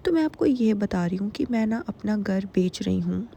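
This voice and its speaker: A woman voicing a blunt, threatening woman who demands what she is owed. Her low, gravelly tone stays mellow and dark. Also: lively intonation, moderate pace, slight background noise. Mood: demanding.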